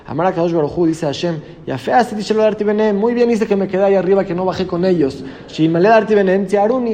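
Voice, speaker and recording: High-voiced man teaching Talmud. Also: slight background noise. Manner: reads a phrase then explains it, steady explanatory rhythm. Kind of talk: daf yomi lesson, reading Aramaic and translating.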